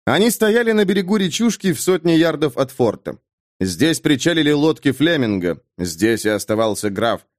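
A man narrating a fantasy audiobook with expressive, dramatic reading. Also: on the high side, normal speed, no room sound, clean studio sound. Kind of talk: scripted narration.

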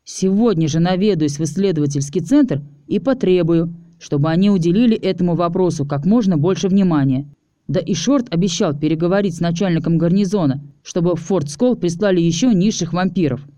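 A man's voice: high voice, a little fast, warm tone, no room sound, close to an everyday voice. A man reading an audiobook, voicing an eager, insistent one-handed adult male veteran in a near-plain voice.

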